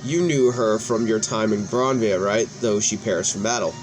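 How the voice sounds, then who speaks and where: Over background music, a gaming video host with a lowish voice reads a game's cutscenes aloud at a moderate pace, now and then fumbling and restarting words. The recording is rough.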